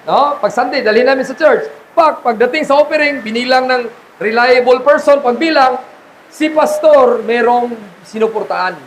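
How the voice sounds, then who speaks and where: A man with a Filipino accent, a pastor preaching an animated sermon at a church conference. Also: extremely high pitch, normal speed, a little hiss or hum, low-quality recording. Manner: animated preaching, mixing in laughs and acted quotes.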